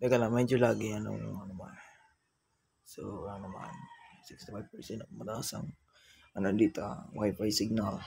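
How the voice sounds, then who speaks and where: A man's voice: fairly low pitch, flat delivery, normal speed, gravelly, pauses often, a little mellow, breathy edge. A man with a Filipino accent giving casual commentary while playing a mobile game, chatting to himself and the game and mixing English with Tagalog. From Philippines. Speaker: gaming channel host.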